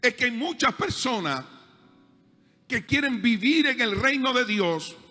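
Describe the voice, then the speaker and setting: A man's voice: extremely high pitch, lively intonation, a little slow, sharp tone, in a large hall. A male pastor with a Panamanian accent preaching a sermon, building emphasis and acting out the voices in his stories. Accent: Panamanian Spanish. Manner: preaching with rising emphasis, acting out dialogue in anecdotes. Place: church hall.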